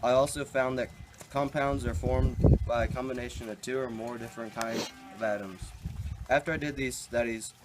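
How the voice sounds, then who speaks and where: A man playing an earnest 19th-century English scientist for a school project, reciting haltingly. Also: mid-range voice, steady tone, noisy background, lightly acted. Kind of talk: school project role-play.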